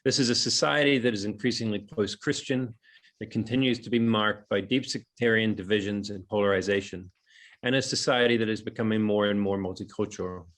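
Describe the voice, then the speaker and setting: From a room in his house overlooking a lough, a man in his forties speaks on a webinar over a home video call, his New Zealand accent softened toward transatlantic by years away. He begins hesitant and chatty, then reads a prepared reflection in a steady, measured way, his voice on the low side.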